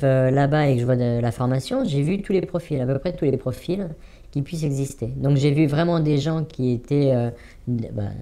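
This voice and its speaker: A man's voice: mid-range voice, dark tone. A man in his forties giving an anonymous interview testimony, hesitant with many fillers and repeating words for emphasis. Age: 40s. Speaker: anonymous former trading student giving testimony.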